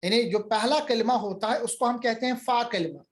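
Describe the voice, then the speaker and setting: A man's voice: extremely high pitch, normal speed. A male teacher giving an online grammar lecture, patiently repeating examples and answering student questions.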